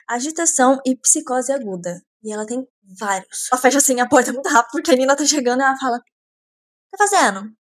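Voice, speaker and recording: A woman's voice: high voice, no echo. A woman, recapping a novel in a chatty way with sarcastic asides. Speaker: book reviewer. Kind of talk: casual book recap.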